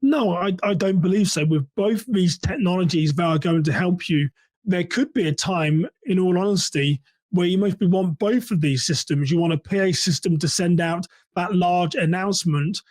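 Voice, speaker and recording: A church security practitioner hosting a solo podcast speaks at a moderate pace in a high-sitting, darkish-toned voice, with no room sound. He explains conversationally and poses questions to whoever is listening.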